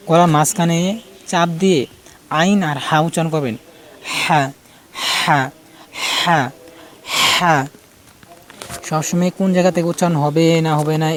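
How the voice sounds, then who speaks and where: A man with a somewhat high voice gives a casual pronunciation lesson. He repeats each letter sound patiently and keeps pointing out where in the throat or mouth it is made. Faint noise sits behind him. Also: a little mellow. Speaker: Quran recitation teacher.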